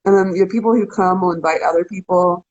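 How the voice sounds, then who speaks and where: A woman's voice: on the low side, fairly even intonation, fast talker, darkish tone, muffled recording. Chatty woman who laughs a lot. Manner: chatty, laughs often, many restarts. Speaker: co-host. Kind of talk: casual live chat.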